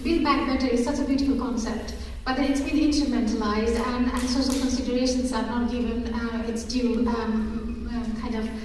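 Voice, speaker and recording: A woman from Nepal speaking as a panelist in an academic discussion, thoughtful and pausing with fillers. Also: on the high side, level tone, darkish tone. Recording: echoey hall, distant mic, faint noise.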